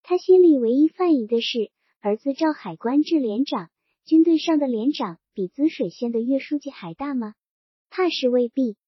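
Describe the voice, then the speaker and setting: A woman narrating a novel in a steady, even reading. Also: high voice, normal speed, husky, dry recording. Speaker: audiobook narrator. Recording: dull, dry lo-fi recording.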